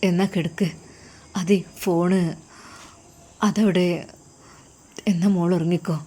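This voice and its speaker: A woman voicing a gentle, grieving father who speaks softly to comfort his daughter. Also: lowish voice, flat delivery, slow, slightly rough, pitched below the performer's own voice. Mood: hushed. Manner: soft, soothing, hushed. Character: gentle, grieving young father, soft-spoken.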